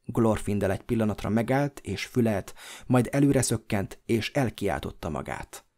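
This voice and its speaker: A man's voice: fairly low pitch, very animated, mellow. Man reading a dramatic audiobook. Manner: measured, dramatic storytelling delivery. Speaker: audiobook narrator. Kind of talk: scripted narration.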